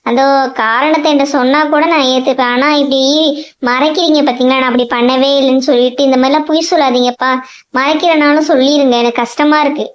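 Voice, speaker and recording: A woman's voice: high voice, fairly even intonation, fast talker, natural voice. A woman voicing a young boy who presses his father with hurt, insistent questions, in a cartoon. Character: young boy Somu, hurt and stubborn son. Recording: dull lo-fi sound.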